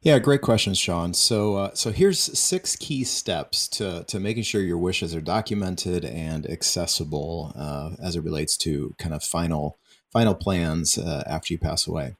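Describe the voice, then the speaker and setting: A man with a very low voice walks listeners through planning steps on a radio advice program. He talks in a relaxed, conversational way, laughing lightly and often restarting a word mid-sentence. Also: measured pace. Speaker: financial advisor guest. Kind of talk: radio show advice talk.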